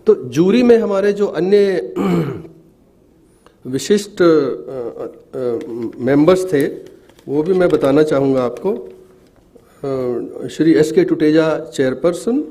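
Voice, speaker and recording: A middle-aged man giving a formal speech at an award ceremony, pausing often with fillers. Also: a little high, lively intonation, mellow. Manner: hesitant, many filler sounds, measured. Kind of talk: formal ceremony speech, Hindi mixed with English.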